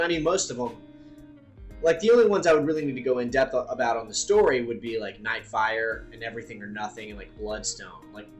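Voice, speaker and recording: A man hosting a live stream, chatting casually and thinking out loud, with the odd swear word. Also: medium pitch.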